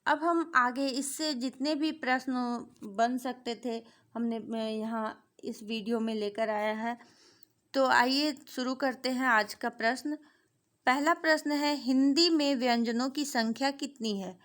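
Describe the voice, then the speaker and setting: A woman's voice: sits high, fairly even intonation, a little slow, a bit bright. A woman teaching an exam-prep grammar lesson, asking questions and answering them herself, repeating key points. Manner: repetitive, asks and answers her own questions.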